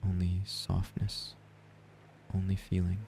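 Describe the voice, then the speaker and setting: A man gives a slow, soft-spoken guided sleep meditation in a gentle, breathy near-whisper. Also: deep voice, completely flat delivery, slight background noise. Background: ocean waves and gentle music.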